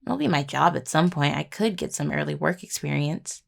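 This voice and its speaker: Playing a sweet, nervous student of necromantic healing for an intimate roleplay, this young woman speaks in a deep, creaky, gravelly voice. Her delivery is heavily acted yet hesitant, rambling and casual, at a moderate pace, with a bashful mood.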